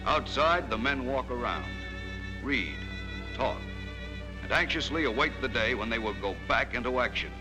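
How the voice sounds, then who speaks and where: A man narrating an old newsreel, with the solemn, emphatic delivery of 1940s wartime screen journalism. His voice sits at an ordinary middle pitch and carries a declamatory weight. A loud orchestral score plays beneath him throughout. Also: lively intonation, moderate pace, over music, rough recording.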